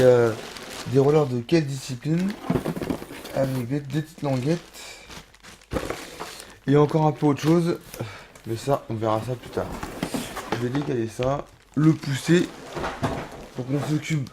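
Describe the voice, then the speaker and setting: Against a noisy background, a roller skating vlogger of thirty unboxes gear in his home studio. His voice is on the high side, and he speaks at a measured pace with frequent pauses. He chats casually, uses lots of fillers and restarts, and addresses viewers as little rabbits.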